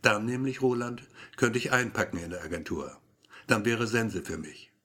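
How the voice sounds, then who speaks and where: A man's voice: lowish voice, moderate pace, pushed and bright. A man reading a story aloud as scripted first-person narration, with a wry, brooding inner-monologue manner. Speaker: audiobook narrator.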